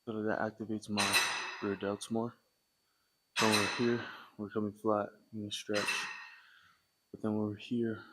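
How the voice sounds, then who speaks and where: A man's voice: lowish voice, heavy background noise. A man giving casual, informal workout instruction in a gym, explaining as he demonstrates exercises. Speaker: fitness vlogger demonstrating exercises. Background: faint music.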